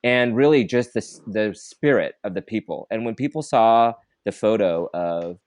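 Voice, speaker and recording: A man's voice: fairly low pitch, expressive, normal speed, a little mellow, no room sound. A man hosting a casual podcast interview, talking with lots of energy and enthusiasm and many fillers and restarts. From Vietnam. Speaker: podcast host.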